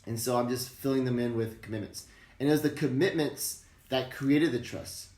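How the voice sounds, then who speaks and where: A man's voice: medium pitch, normal speed, a little mellow. Earnest, emphatic man in a roomy room. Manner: earnest, emphatic, swears freely. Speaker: podcast guest. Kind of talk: candid interview talk. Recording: roomy echo.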